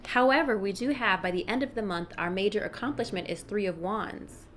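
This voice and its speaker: A woman's voice: mid-range voice, a little fast, a bit bright. A woman giving a casual fortune-telling tarot reading, speaking familiarly and directly to the listener with emphatic advice, with street noise behind her. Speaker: tarot reader, fortune teller. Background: rush-hour street noise.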